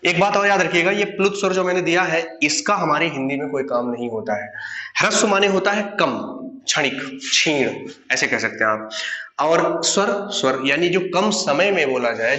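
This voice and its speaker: A man's voice: a little high, normal speed, sharp tone, reverberant. A young man teaching a grammar lesson to online students, who asks questions and then answers them himself.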